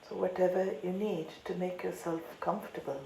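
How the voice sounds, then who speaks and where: A female meditation teacher guides listeners in a calm, unhurried, deliberate way, leaving long pauses between phrases. Her voice is slightly low and creaky, and the recording has a roomy echo with light background noise.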